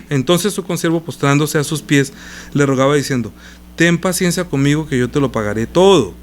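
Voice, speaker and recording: A man's voice: on the high side, a little hiss or hum. A male pastor preaching a sermon, reading scripture aloud and stopping to explain it with rhetorical questions.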